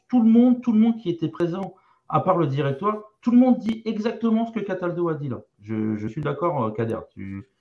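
Gravelly, stammering man, muffled lo-fi audio. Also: fairly high pitch, darkish tone. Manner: hesitant, stammering. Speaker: football supporter. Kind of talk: casual chat.

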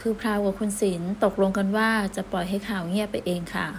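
A proud, reserved young woman in an audiobook, answering softly and politely, as a woman narrator reads her. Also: medium pitch, fairly even intonation, fast talker, gravelly, a little hiss or hum, lightly acted. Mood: subdued. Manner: quiet, subdued.

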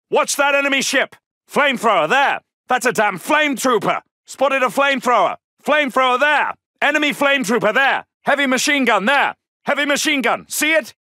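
A man performs an exaggerated, extremely high-pitched and sharp voice for a video game soldier: an alert, gruff British male from the Second World War. The audio is clean studio sound with no room sound, and he shouts clipped, urgent combat callouts.

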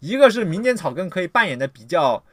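A man giving a ranting livestream lecture, scolding his audience and swearing often, jumping between loud outbursts and low muttering. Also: sing-song, fast, dry recording. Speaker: livestream lecturer on political theory.

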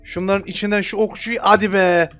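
A man giving casual gameplay commentary, taunting his enemies and calling them over excitedly. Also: high voice, a little fast. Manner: trash-talks enemies, excitable, calls them over with repeated shouts. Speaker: gamer streaming his play. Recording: dull lo-fi mic with music behind.

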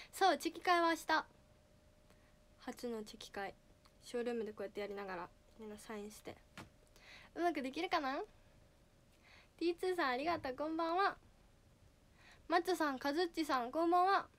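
A teenage girl idol with a slightly nasal voice, chatting casually on a livestream and reading out viewer names. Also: high voice. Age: teens. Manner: reads out viewer names, bright greetings.

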